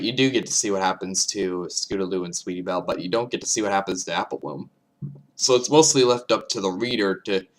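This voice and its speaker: A man giving casual reaction commentary, halting and often repeating and restarting his phrases. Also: low-pitched. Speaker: reaction video host.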